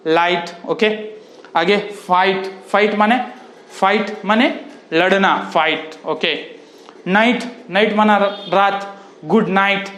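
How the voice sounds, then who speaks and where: A man, teaching English vowel sounds in a slow lesson and repeating each word with "okay" and "friends". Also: high-pitched, fairly bright tone, reverberant. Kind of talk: spoken phonics lesson.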